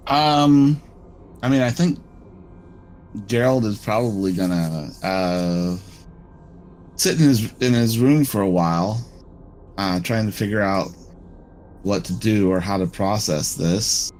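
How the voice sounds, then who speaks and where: A man player in a tabletop horror game, talking in a hesitant, halting way and speaking as his character. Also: lowish voice, a little mellow, a little hiss or hum.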